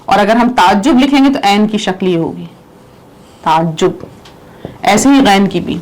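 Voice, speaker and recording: A woman's voice: medium pitch, expressive, darkish tone, rough recording. A woman teaching a language lesson, repeating words and explaining how to pronounce and spell them. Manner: explains pronunciation. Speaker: Urdu teacher.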